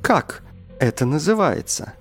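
A man's voice: a little high, sing-song, measured pace, voice pushed up. A man doing a coy teasing young woman. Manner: coy, mock-scolding. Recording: faint music underneath.

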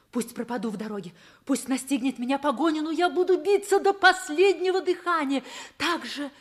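A woman's voice: fairly high pitch, husky. An actress playing an anguished, defiant woman telling her story in a theatrical old Soviet radio drama style of the 1960s. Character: anguished, defiant woman recounting her forced marriage at fifteen. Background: music.

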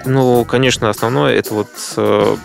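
A man's voice: medium pitch, steady tone, normal speed, creaky, soft background music. A man, a guest from the games industry, explaining games in a casual podcast chat with many fillers.

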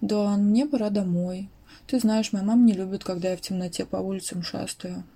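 A woman reading the lines of a lively, loyal teenage schoolgirl in an audiobook, quick and eager. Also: mid-range voice, slightly rough. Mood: plaintive.

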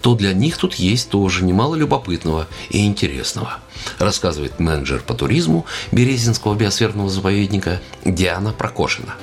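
A man's voice: low-pitched, sing-song, a little fast, faint music behind. A man hosting a nature radio programme, reading scripted narration in a presenter's style.

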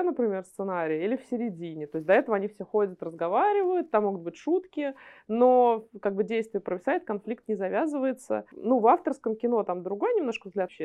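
An animation screenwriter and script editor, appearing as an interview guest, explains her work informally, talking at length and rephrasing often as she goes. Her medium-pitched voice comes through with phone-quality sound.

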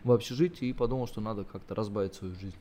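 A man's voice: lowish voice, rapid-fire, dark tone, slight background noise. A man in his late twenties, a podcast guest who explains things at length with plenty of fillers in a casual interview. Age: late 20s. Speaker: podcast guest, jiu-jitsu athlete.

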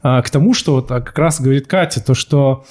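A man's voice: mid-range voice, brisk, a little mellow. A man in his thirties hosting a casual podcast chat, self-ironic and rambling, with blunt questions and loose fillers. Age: 30s. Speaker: podcast host.

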